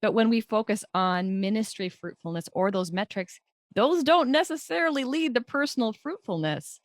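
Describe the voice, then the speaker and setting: A woman's voice: fairly high pitch, lively intonation, normal speed, no echo, clean studio sound. Affirming woman podcast host. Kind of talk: conversational podcast interview.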